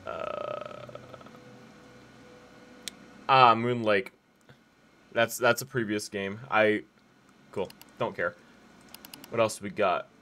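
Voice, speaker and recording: A man's voice: on the low side, steady tone, slow, pauses often, bright, forceful tone. A man streaming a game live, chatting in a laid-back, rambling way with many fillers and restarts. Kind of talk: casual live-stream chat while playing.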